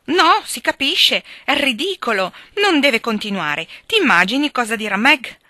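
A woman reading aloud, voicing a spirited, quick-tempered tomboyish teenage girl who bursts out indignantly. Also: medium pitch, pushed and bright, dry recording, clean studio sound, lightly acted.

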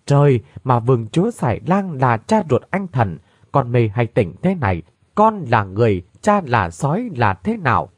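A man's voice: very animated, moderate pace, no room sound. A man voicing an anguished young woman in a read-aloud story, crying out in shock. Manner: cries out in high, anguished tones.

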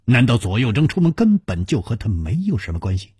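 A man voicing a young swordsman hero who mutters to himself and breaks into exclamations, in a husky, lively voice. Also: medium pitch, slow pace, no echo, clean studio sound, exaggerated voice. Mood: brooding. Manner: muttering, then bursting into exclamations. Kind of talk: storytelling performance.

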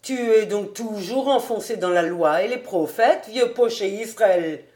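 A woman lowers her voice into a jovial storybook man, easygoing and bantering. He speaks slowly, with a teasing good humour. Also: expressive, darkish tone.

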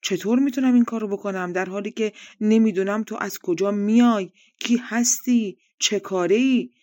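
A woman's voice: mid-range voice, a little mellow, dry recording, studio quality, close to an everyday voice. A woman voicing a frightened eldest brother refusing to hand over his sister, in an agitated tone. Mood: alarmed. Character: frightened eldest young prince, protective brother.

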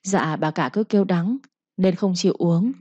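A loyal old nanny, protective and gentle, with a brisk yet soothing way of talking, as a woman reading the story puts her on. The voice sits low and husky. The recording sounds dull and lo-fi. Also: dry recording, natural voice. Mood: caring.

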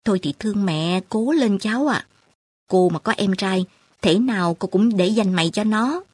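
A kindly middle-aged woman street sweeper speaks in a husky, homely tone, as a female narrator puts her on. She is practical and reassuring. The storybook reading is close and dry. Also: mid-range voice, lively intonation, normal speed, dry recording.

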